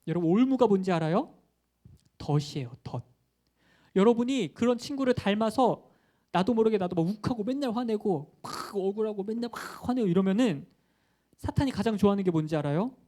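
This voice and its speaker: A man's voice: high-pitched, expressive, a little fast, mellow. A young male pastor giving a playful children's sermon, asking questions and acting out quotes.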